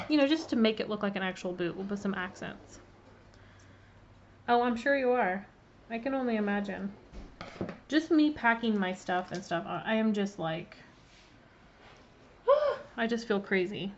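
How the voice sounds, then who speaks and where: Friendly woman instructor on a live stream, mid-pitched, slightly muffled laptop audio with a faint hiss. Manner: chatty, greets viewers by name, filler ums. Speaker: cookie decorating instructor. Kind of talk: casual live-stream demonstration. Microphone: laptop mic.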